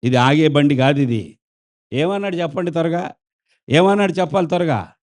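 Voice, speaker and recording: Male pastor, high voice, lively preaching that asks the congregation for answers. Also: moderate pace. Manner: animated, questions the congregation and acts out quotes. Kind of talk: sermon.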